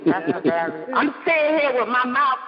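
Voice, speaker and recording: A woman's voice: high voice, moderate pace. A woman guest author chatting casually and reacting with lots of laughter. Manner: giggly, expressive reactions. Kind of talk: casual chat. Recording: muffled with long reverb.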